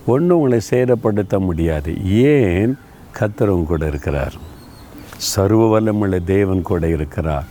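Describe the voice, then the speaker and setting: A man's voice: lowish voice, dark tone, slight background noise. A man preaching an earnest devotional sermon, often putting questions to his listeners.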